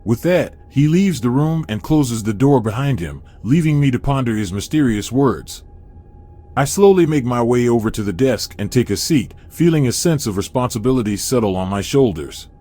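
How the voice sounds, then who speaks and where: A man reading a scripted first-person horror story in a steady, measured way. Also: mid-range voice, faint music behind. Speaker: narrator.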